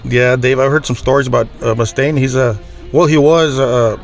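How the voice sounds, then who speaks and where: A male podcast host leads a casual interview. He asks his questions hesitantly, with plenty of fillers, and answers the guest with short reactions. His voice sits at a middle pitch over faint music. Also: steady tone, normal speed.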